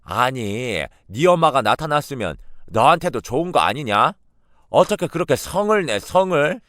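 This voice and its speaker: A man voicing a gruff, defensive elderly grandmother who scolds sharply, in a radio drama. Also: lowish voice, lively intonation, moderate pace, a bit bright, dry recording, studio quality. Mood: defensive scolding.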